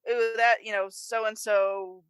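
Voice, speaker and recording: A podcast co-host talks casually about a film, emphatic and prone to exasperated asides. Her voice is fairly high, level, and clean, delivered slowly on a dry recording.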